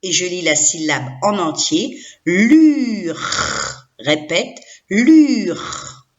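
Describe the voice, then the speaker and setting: A woman's voice: low voice, unhurried, fairly bright tone, muffled recording. A woman teacher giving a recorded reading lesson to young children, sounding out syllables one by one and having the listener repeat them.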